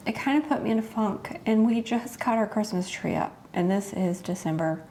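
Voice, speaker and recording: A middle-aged woman talks straight to her viewers in a relaxed, chatty way, earnest and heartfelt as she shares what matters to her. Her voice sits at an ordinary middle pitch, with a faint hiss behind it. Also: normal speed. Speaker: host. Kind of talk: casual chat to camera.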